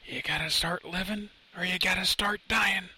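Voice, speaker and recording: A man voicing a gruff tough-guy gunslinger who speaks low and quietly. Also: fairly even intonation, normal speed, full character voice, poor audio. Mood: menacing.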